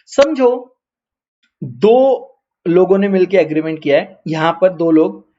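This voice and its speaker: A man's voice: high voice, slow pace, mellow, lo-fi sound. A man with an Indian accent giving an online lecture. He asks and answers his own questions and keeps repeating key terms. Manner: repeats key terms, mixes English terms into Hindi. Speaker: teacher.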